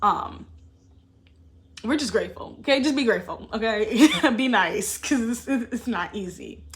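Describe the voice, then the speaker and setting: A woman's voice: on the high side, animated, unhurried. A young adult woman talking casually to camera about books, chatty and emphatic, with fillers and laughs. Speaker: book vlogger.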